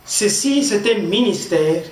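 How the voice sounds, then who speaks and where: Slow, high-voiced Congolese pastor preaching. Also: male voice, lively intonation, darkish tone, far from the mic, slight background noise. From Democratic Republic of the Congo. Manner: deliberate, pausing between short phrases. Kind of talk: slow measured sermon with scripture reading. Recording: echoey room, voice off-mic, faint music.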